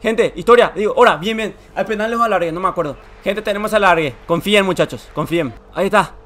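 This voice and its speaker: A young man, giving excited, emotional commentary over a football video game he is playing. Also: high voice, fast. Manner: emotional, shouts and groans at every play. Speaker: gaming YouTuber.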